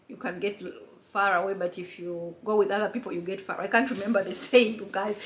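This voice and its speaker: A woman's voice: medium pitch, slight background noise. A middle-aged woman from Uganda, chatting casually and earnestly to camera as a friendly vlogger. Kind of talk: casual vlog chat to camera.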